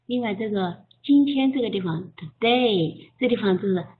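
A woman teaching English pronunciation in an online group lesson, patiently coaching and modeling sounds slowly. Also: medium pitch, lively intonation. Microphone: voice chat. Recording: tinny phone-like line.

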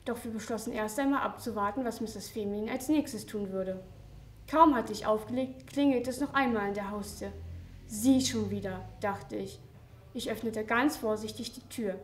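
A woman's voice: a little high, normal speed, a little hiss or hum. Young teen girl reading aloud, echoey. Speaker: student reading her story. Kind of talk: reading aloud a comic first-person story. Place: school reading event. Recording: roomy, distant mic.

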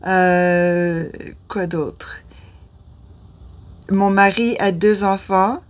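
A woman's voice: medium pitch, steady tone, extremely slow. A woman in her fifties from Ottawa with a Canadian French accent, talking to camera in a hesitant way, often losing her words and restarting. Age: 50s. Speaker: vlogger. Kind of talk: casual talk to camera. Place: small room indoors.

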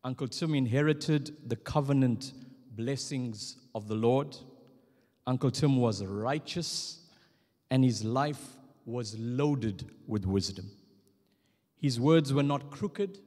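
A middle-aged man reading a formal eulogy as master of ceremonies, measured and solemn, pausing between short phrases. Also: medium pitch, darkish tone. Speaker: master of ceremonies at a memorial service. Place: church stage at a lectern, indoors. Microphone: microphone on a stand at the lectern. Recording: long hall reverb.

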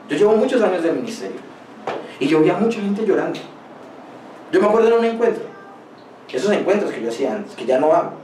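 Man, pastor, sermon, high voice, emphatic rhetorical questions, personal anecdotes, distant mic, roomy echo, faint noise. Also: darkish tone.

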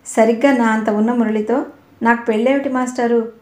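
A woman's voice: on the high side, fairly even intonation, brisk, a little mellow, reverberant, lightly acted. A woman voicing a naive, innocent teenage girl in an audio novel, talking earnestly.

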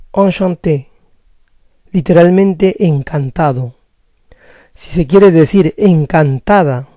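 A male language teacher runs a slow vocabulary drill, repeating every phrase twice in a mellow, somewhat high voice. His pace is very unhurried and measured, and the recording is dry with no room echo.

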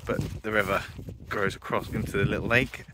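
Background noise accompanies a man's fairly low, fairly even voice, which moves a little fast. He's filming a casual outdoor vlog on his farm, wandering by a ditch and fields while he chats and thinks aloud.

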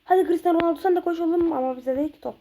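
A woman streaming a football video game, reacting excitedly, shouting at her players and drawing out goal calls. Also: extremely high pitch, racing, a little hiss or hum. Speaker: gameplay streamer. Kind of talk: live football game commentary.

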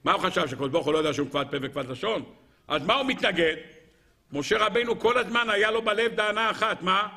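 A rabbi with a high-sitting, gravelly voice lectures on the Torah with animation, asking rhetorical questions and speaking directly to those listening.

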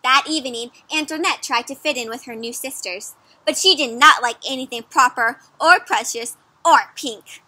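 Reading a picture book to children outside in a yard or garden, a young woman with a voice that sits high stops to ask them questions. She's animated and teacherly, treating the kids as friends, and the recording has no room sound.

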